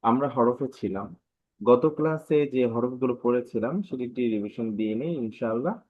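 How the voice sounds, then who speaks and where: A man's voice: mid-range voice, brisk. A man teaching Arabic letters in an online live class, drilling each sound aloud and repeating it. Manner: opens with Arabic recitation. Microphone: online live class audio. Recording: tinny phone-like online audio.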